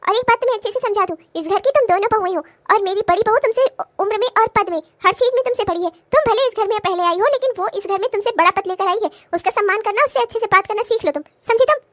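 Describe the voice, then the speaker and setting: A woman's voice: extremely high pitch, dry recording, studio quality. A woman voicing a stern older mother-in-law and grandmother in a cartoon comedy, scolding and lecturing. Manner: scolding, then lecturing in a slow preachy way.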